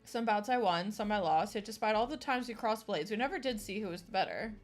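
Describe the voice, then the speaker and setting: A woman's voice: medium pitch, faint music behind, lightly acted. A woman reading aloud as a stern young female royal knight, speaking in formal, old-fashioned phrasing. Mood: earnest. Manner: formal archaic speech, measured. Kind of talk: reading game dialogue aloud.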